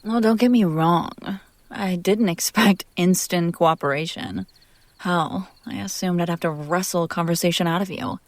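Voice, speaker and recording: Here a woman performs a teasing, possessive demon for a scripted, intimate audio roleplay, drawing her words out theatrically until they fall to near-whispers. Her pitch is fairly low and the acting is light, captured in a dry recording. The mood is probing and musing.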